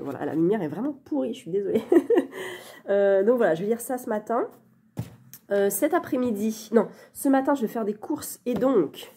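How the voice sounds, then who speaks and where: A book vlogger chats casually into her phone camera for a reading vlog, filled with fillers and restarts. Her voice is medium-pitched with a dark tone, and the phone sits on a stand in dim light, with a little hiss or hum.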